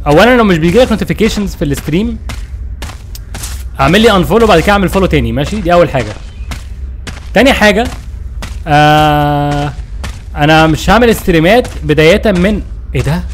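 An Egyptian man rattles off live commentary on a horror game at a breakneck clip. His voice sits high and swings widely, and he yelps and exclaims whenever something startles him. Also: a little hiss or hum. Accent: Egyptian Arabic. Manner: excitable, jumpy, yelps when startled. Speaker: streamer.

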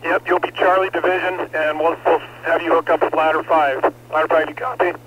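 A man commands a fire scene over a static-laden two-way radio. His slightly high voice stays in a narrow, even range as he gives urgent, terse firefighter orders, with brief hesitations. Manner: terse, directive, hesitant pauses with uh. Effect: two-way radio transmission. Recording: noisy, clicking, band-limited fire radio traffic.

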